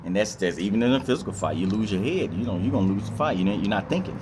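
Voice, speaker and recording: A man's voice: lowish voice, lively intonation, rapid-fire, noisy background. Rambling man giving casual life advice. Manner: rambling, repetitive, with many fillers and acted-out quotes. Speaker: vlogger.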